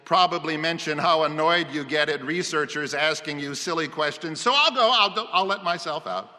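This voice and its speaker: A preacher voicing a polite male survey researcher who talks in a mild, measured way, heard in a reverberant hall. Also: fairly high pitch, sharp tone, pitched above the performer's own voice. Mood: hurried.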